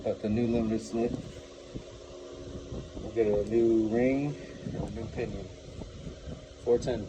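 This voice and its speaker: A man's voice: fairly low pitch, steady tone, slow pace, background noise. A man casually narrating his own truck axle repair in a workshop vlog, talking to himself as he works. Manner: muttering to himself while working. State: out of breath. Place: garage workshop, partly outdoors in wind.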